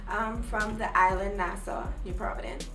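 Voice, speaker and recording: A woman's voice: medium pitch, big pitch swings, moderate pace. A woman from the Bahamas speaking in a matter-of-fact way in a documentary interview. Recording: echoey room, distant mic, music bed.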